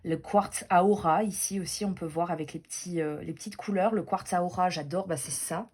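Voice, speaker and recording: A woman's voice: fairly low pitch, moderate pace, darkish tone, husky. A woman chatting casually as she shows tarot and oracle decks, gushing and self-deprecating, with many fillers and restarts. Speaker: tarot and oracle deck reviewer. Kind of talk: casual show-and-tell chat.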